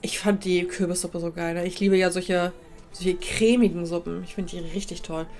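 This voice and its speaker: A woman's voice: fairly low pitch, steady tone, normal speed, a little mellow, faint music behind. A woman casually commenting while she streams a life-sim game, thanking viewers and talking to her characters, a little sniffly with a cold.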